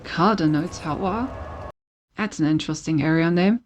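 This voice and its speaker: A woman's voice: sits low, normal speed, a little hiss or hum. A woman game streamer giving casual gameplay commentary, thinking aloud as she goes. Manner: thinks aloud, reads on-screen text.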